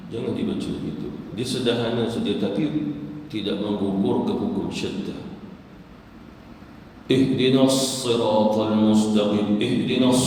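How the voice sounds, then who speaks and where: A man's voice: mid-range voice, warm tone, a little hiss or hum. A Malaysian man teaching a sermon on Quran recitation, breaking into chanted recitation to show each example. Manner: demonstrates recitation in a chanted melodic voice. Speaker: religious teacher. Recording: echoey hall heard from a distance.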